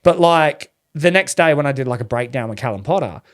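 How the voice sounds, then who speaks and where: A man with an Australian accent, a journalist guest telling a story in casual podcast chat, animated and swearing often. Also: medium pitch, fairly quick.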